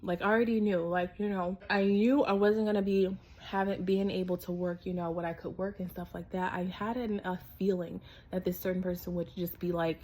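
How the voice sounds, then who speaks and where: A woman vlogger telling a work story in casual, animated chat, full of "like" and "you know what I mean.". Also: on the low side, a little fast, hardly any pauses.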